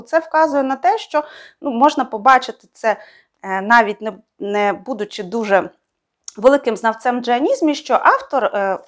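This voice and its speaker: A young woman with a fairly high voice reviews a book casually, thinking aloud as she talks. She frequently pauses on fillers and corrects herself, keeping her tone plain and conversational.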